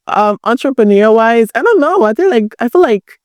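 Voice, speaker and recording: A woman's voice: a little high, animated, moderate pace, darkish tone, dry recording. Chatty young Nigerian woman. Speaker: guest, caterer. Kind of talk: casual chat.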